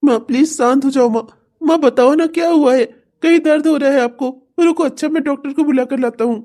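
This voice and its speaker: A woman's voice: high voice, normal speed, mellow. A woman voicing a devoted young son in a cartoon, anxious, pleading and tearful. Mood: worried. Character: devoted young adult son Nikhil, emotional. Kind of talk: cartoon voice acting.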